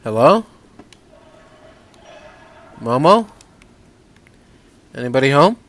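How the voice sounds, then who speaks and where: A man's voice: mid-range voice, big pitch swings, slow pace, fairly bright tone. A man giving easygoing, chatty let's-play commentary, swearing casually as he plays. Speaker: gaming YouTuber.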